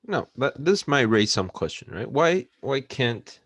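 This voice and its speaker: A man giving a recorded math lecture, unhurried, with frequent fillers and checks for understanding. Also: mid-range voice, very animated, fairly bright tone, breathy edge, dry recording. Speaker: math instructor.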